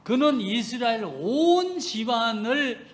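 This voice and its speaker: Stern scolding God, as a preacher voices him. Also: male voice, very high-pitched, expressive, slow pace, full character voice. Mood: rebuking. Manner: scolding, blunt rhetorical questions. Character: stern God rebuking his people, male, commanding. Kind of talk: sermon with voiced scripture.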